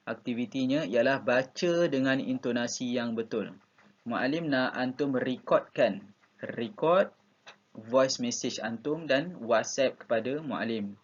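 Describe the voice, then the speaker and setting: A man's voice: mid-range voice, measured pace. A Malaysian man teaching an online primary school class, patiently repeating instructions. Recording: dull lo-fi recording.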